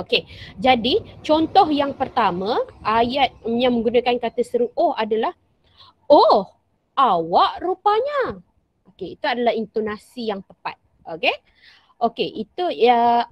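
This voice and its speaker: A fairly high-voiced woman teacher with a Malaysian Malay accent leads an online class, patiently repeating example sentences with lifted, acted intonation. The sound is dry and a little dull, like a lo-fi home recording. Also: no room sound. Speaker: primary school teacher.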